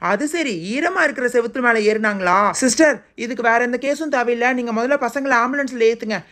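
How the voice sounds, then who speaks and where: A woman's voice: fairly high pitch, a little fast, fairly bright tone, natural voice. A woman voicing a grown man who takes charge at an accident, giving orders in a doll video. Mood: commanding.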